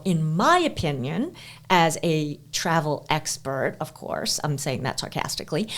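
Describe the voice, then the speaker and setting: A woman co-hosting a podcast in casual chat, chatty and sarcastic, with lots of fillers. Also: low-pitched. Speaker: podcast co-host.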